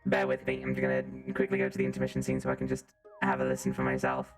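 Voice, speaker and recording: Woman through a deep robot voice changer. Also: completely flat delivery, quick pace, loud music behind the voice. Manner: chatty, self-narrating while fiddling with settings. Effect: robot voice changer, pitched far down. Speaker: game streamer. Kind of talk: casual live-stream chat.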